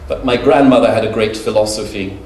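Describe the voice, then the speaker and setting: A man's voice: on the low side, fairly quick, a little mellow. A middle-aged man from the UK giving a conference lecture, conversational and humorous, with anecdotes and filler words. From United Kingdom. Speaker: conference speaker. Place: conference hall. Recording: echoey hall, mic far off, faint noise.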